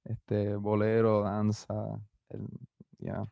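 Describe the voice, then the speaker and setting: A young man of twenty with a Puerto Rican Spanish accent, a musician answering interview questions in a relaxed, rambling way with many fillers. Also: on the low side, extremely slow, vocal fry, dry recording, dull audio. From Puerto Rico. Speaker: musician guest. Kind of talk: casual interview, mixing Spanish and English.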